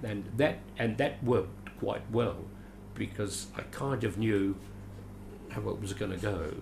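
Taking it slowly in a fairly low, creaky voice, an older veteran actor from Adelaide, Australia, reminisces as an interview guest. He is rambling and chatty, with dry self-deprecating asides, and the background is noisy.

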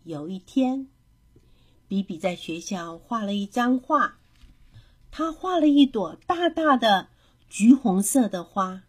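A woman reads a children's bedtime story in a gentle, expressive way. Her voice is high and breathy, and it rises and falls a lot. She takes her time.

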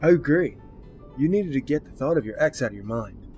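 A man's voice: mid-range voice, lively intonation, fairly quick, creaky, warm tone, soft background music. A man playing a blunt, dry coworker. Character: blunt sarcastic male coworker.

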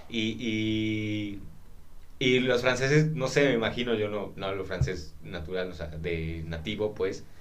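A man with a Mexican Spanish accent, co-hosting a podcast in casual chat, slangy and animated, with frequent swearing and asides. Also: lowish voice, measured pace. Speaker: podcast co-host.

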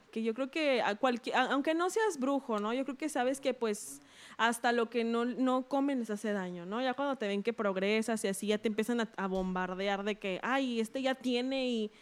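A woman, a guest expert on a podcast, who gives her view in a calm, matter-of-fact way with casual slang. Her voice is somewhat high. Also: clean tone. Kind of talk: casual conversation.

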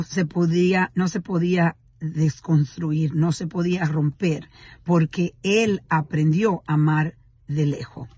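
A middle-aged woman sharing a personal reflection in an earnest, unhurried monologue with pauses and restarts. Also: lowish voice, no echo. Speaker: speaker sharing a daily reflection.

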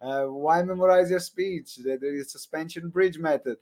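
A man with an Italian accent hosting a podcast interview, animated and emphatic, laughing easily and repeating himself for effect. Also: fairly high pitch, moderate pace. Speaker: podcast host. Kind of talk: conversational interview.

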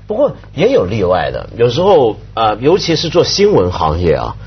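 A man's voice: mid-range voice, huge pitch swings, moderate pace, breathy edge, highs cut off. A man giving casual, explanatory commentary as a panelist on a talk show.

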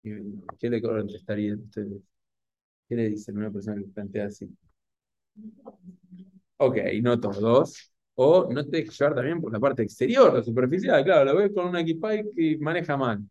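A man with a Rioplatense Spanish accent giving a Torah class to an audience, animated and full of rhetorical questions. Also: medium pitch, normal speed, no echo, muffled recording. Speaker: rabbi or Torah teacher.

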